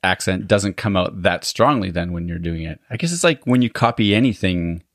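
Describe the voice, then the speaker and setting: A man hosting a podcast interview, asking quick, curious questions and laughing often in casual chat. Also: deep voice, expressive, dry recording, studio quality. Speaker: podcast host.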